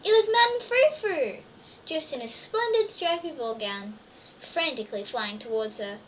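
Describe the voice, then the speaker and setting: Here a storybook reader speaks to young listeners in a high, somewhat bright and animated voice, keeping a moderate pace and sounding full of wonder. The recording is distant, with a little background noise.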